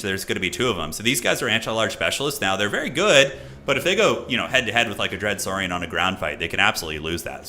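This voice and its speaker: Here the American streamer and caster's voice sits on the low side, pushed and bright, with slight background noise. Commentating a strategy game match, he rambles casually with his live audience, reads chat aloud, and often restarts or uses fillers.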